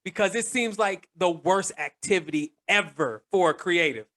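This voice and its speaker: A man co-hosting a casual podcast chat, halting and repeating words, laughing often. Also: high voice, a bit bright. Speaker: podcast co-host.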